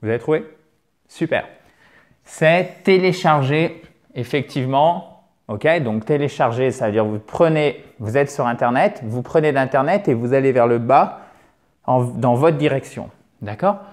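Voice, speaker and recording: A man teaching vocabulary, chatty and encouraging, slowing down to exaggerate pronunciation drills. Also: mid-range voice, lively intonation, darkish tone. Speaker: English teacher. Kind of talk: vocabulary lesson.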